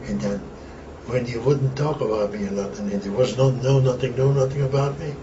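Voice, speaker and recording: In a distant, roomy lo-fi recording with hiss in the background, an older man from Antwerp speaks briskly in a steady, mid-range voice. A Flemish-speaking retired wrestler, he reminisces casually, blunt and rambling, cursing freely as he goes.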